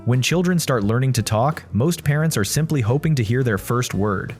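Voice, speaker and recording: A man's voice: medium pitch, animated, moderate pace, darkish tone, soft background music. Man reading scripted video narration.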